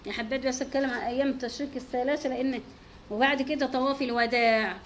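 Fast, high-voiced Egyptian woman preaching. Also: fairly even intonation, slight background noise. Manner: devout, peppered with pious exclamations. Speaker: religious teacher. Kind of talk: informal religious talk.

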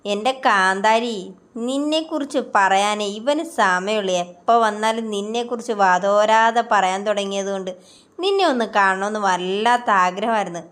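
A woman's voice: medium pitch, natural voice. A woman voicing an affectionate middle-aged mother who fondly scolds and pampers, in a narrated story.

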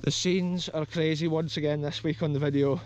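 A slightly high, steady, somewhat mellow voice belongs to a Scottish vlogger in his thirties exploring an open field outdoors. Speaking at a moderate pace with no echo, he eagerly narrates a walking tour for "folks" into an action camera held close.

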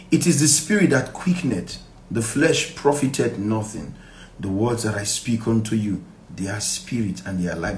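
A middle-aged pastor with a Nigerian accent leads a live Bible study in a small indoor room, reading verses aloud and explaining them in a fairly low voice. He stresses points deliberately, repeats key phrases, and asks his listeners questions. A phone held at arm's length picks up clear room echo and slight background noise.

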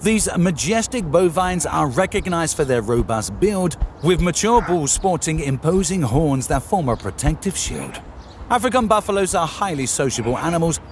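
A man narrates a nature documentary in a slightly high voice with lively, swooping intonation. His delivery is formal and measured, scripted throughout. Clear outdoor and vehicle noise sits behind him.

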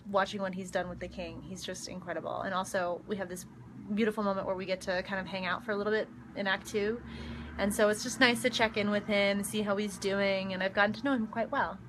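Bright-voiced young woman chatting casually. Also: mid-range voice, slight background noise. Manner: chatty, giggly, lots of ums. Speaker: actress answering fan questions. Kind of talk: casual live Q&A. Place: backstage dressing room. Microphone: phone livestream.

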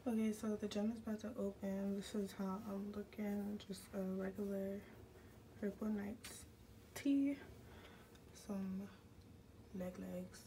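Young woman with a gravelly voice. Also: medium pitch, steady tone, measured pace, long pauses, a little hiss or hum. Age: young adult. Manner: chatty, slips into soft whispers. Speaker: vlogger. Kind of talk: casual vlog chat. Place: small dorm room indoors.

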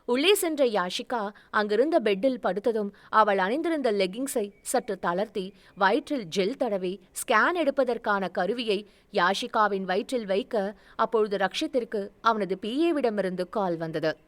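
A woman storyteller reads a serialized romance novel aloud. Her narration is steady and even, at a middle pitch for a woman, carrying the plot from scene to scene. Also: unhurried.

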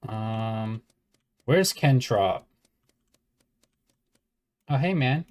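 A man's voice: lowish voice, lively intonation, extremely slow, a little mellow. A man chatting playfully while streaming a social deduction game, joking with other players. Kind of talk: casual gameplay chat.

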